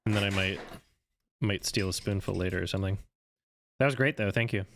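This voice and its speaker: A man's voice: deep voice, gravelly, a bit bright, a little hiss or hum. A man in his thirties from Canada, a film critic chatting casually on a live stream with a sarcastic, joking manner. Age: 30s. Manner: sarcastic, quick to joke.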